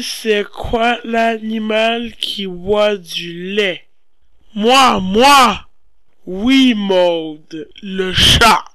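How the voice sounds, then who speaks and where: A woman asking riddles on a school radio quiz, slow and deliberate. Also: medium pitch, fairly bright tone, no room sound, studio quality.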